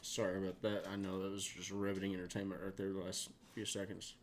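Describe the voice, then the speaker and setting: A man hosting a casual livestream, rambling and excitable, thanking viewers as he talks. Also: low voice, fast, a little hiss or hum. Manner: rambling and excitable, with laughs and restarts. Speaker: livestream host.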